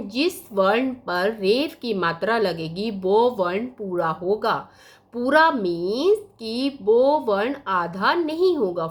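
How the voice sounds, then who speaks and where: Woman teacher going thru grammar real slow, kinda high voice, sounds out every letter. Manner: patient, spells out sounds one by one. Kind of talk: slow blackboard lesson.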